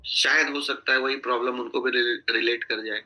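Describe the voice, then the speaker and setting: A man's voice: mid-range voice, fairly even intonation, a little fast, bright, forceful tone, poor audio. A man coaching a sales team on a video call, giving instructive advice and often checking that listeners follow. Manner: instructive, repeatedly checking in with "theek hai?".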